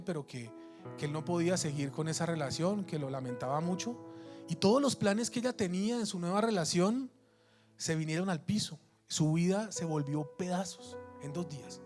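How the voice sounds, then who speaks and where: High-voiced man preaching a story. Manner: storytelling, emphatic, with frequent restarts. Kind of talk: sermon.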